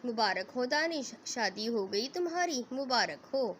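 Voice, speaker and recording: A woman voicing a scheming young woman who speaks softly and mockingly. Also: a little high, expressive, slight background noise. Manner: soft, mocking.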